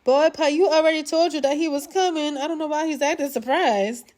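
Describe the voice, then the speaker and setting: A woman's voice: high voice, brisk, a little mellow. Gushing woman recapping a drama. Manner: chatty, gushing, addresses viewers as y'all. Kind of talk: casual recap commentary.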